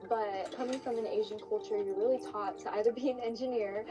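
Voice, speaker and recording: A bubbly woman baker chats with a giggle in her voice, her tone sitting a little high. She talks in a quirky, playful way on a studio kitchen set. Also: fairly even intonation, fairly quick, rough recording. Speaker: cake baker and competitor. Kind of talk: casual competition-show chat.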